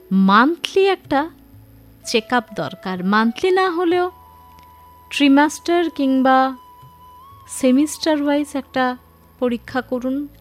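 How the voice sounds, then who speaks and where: A woman hosts a radio programme in a high voice. She takes her time, talking directly to listeners and putting rhetorical questions to them, with faint music behind her. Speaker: radio phone-in show host. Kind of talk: radio show presenting to listeners.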